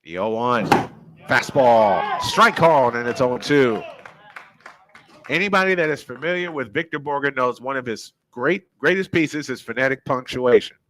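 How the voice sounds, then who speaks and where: A man calling live baseball play-by-play at a high school ballpark in a chatty, jokey, old-school style. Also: animated, moderate pace, a bit bright, slight background noise. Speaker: play-by-play announcer.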